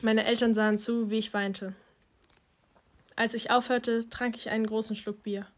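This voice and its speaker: Audiobook reader: woman, a touch high, calm and even. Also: moderate pace. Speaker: audiobook narrator. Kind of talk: first-person audiobook narration.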